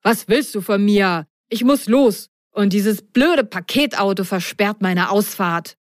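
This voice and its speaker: A woman voicing a grumpy middle-aged driver in a storybook reading, talking in a gruff, plain way. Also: medium pitch, slow pace, no room sound, studio quality, close to an everyday voice. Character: grumpy middle-aged man softened by candy.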